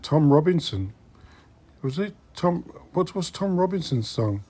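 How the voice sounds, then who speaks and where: In a secondhand shop, a middle-aged host of a vintage collecting vlog browses and chats casually to viewers, occasionally muttering to himself. His voice is on the high side, sing-song, warm and husky, and a little slow.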